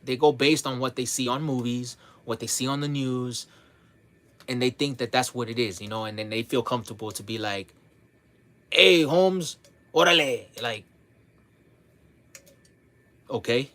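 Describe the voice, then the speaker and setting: A man talking casually to his livestream audience, relaxed and blunt, sprinkling his talk with "man" and "bro", often repeating and restarting his words. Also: mid-range voice, brisk. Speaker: livestream host.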